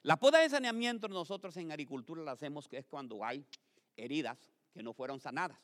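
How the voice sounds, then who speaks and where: A man preaching a sermon to his congregation, speaking to them directly, asking them to repeat after him and building to loud emphatic peaks. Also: fairly high pitch, animated, a little fast. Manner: addresses congregation directly, calls for repetition. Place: church. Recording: long reverb of a hall.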